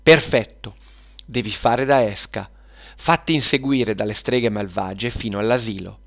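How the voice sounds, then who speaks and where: A man voicing a quick-thinking young superhero girl who leads the plan. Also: on the low side, creaky, fairly bright tone. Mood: eager. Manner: eager, urgent.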